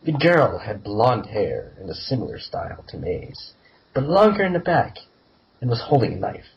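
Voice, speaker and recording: A man's voice: medium pitch, big pitch swings, moderate pace, vocal fry. A man narrating a fan story in an amateur group reading, giggling now and then. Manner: giggly, breaks up laughing. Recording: muffled lo-fi with faint hiss.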